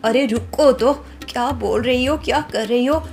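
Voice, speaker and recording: A woman's voice: on the high side, normal speed, a little mellow, faint music behind, natural voice. A woman voicing an anxious young sister-in-law who frets in alarmed exclamations. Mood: worried.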